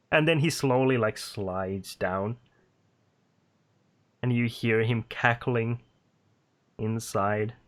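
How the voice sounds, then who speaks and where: A man's voice: medium pitch, fairly bright tone. A man narrating a tabletop role-playing game as game master, hesitant and full of fillers. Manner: slow and hesitant, many fillers.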